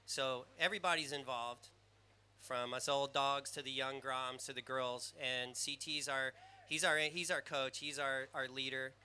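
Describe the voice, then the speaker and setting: A man calling a live surf contest, excitable and rambling, with a squeaky surfer voice, naming riders by jersey color. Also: unhurried, clean tone.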